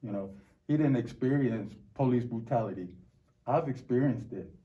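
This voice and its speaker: A dull, slightly muffled recording of a middle-aged American man answering interview questions. His voice is very soft-edged and mellow. He speaks reflectively and haltingly, often repeating words as he searches for the next one. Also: medium pitch. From Los Angeles, United States. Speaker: interview guest.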